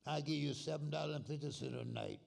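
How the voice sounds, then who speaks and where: A man putting on the voice of a gruff old mob boss with a cigar, speaking low and bossy. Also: fairly even intonation, fast, a little mellow.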